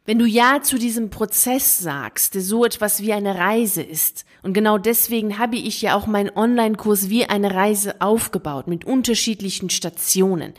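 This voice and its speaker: A woman's voice: mid-range voice, moderate pace, few pauses. A woman coaching teachers in an earnest motivational monologue, speaking straight to the listener. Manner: earnest, addresses the listener directly with repeated phrases.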